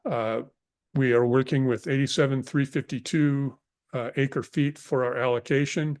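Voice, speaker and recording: Even-toned man giving a halting formal report. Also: mid-range voice. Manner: halting, measured. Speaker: technical adviser presenting to a board.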